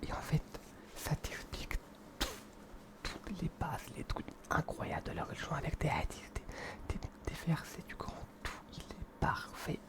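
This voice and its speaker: A young man whispering in a hushed, breathy library whisper as he presents books in an informal, earnest, hesitant ASMR style. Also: on the high side, steady tone, moderate pace.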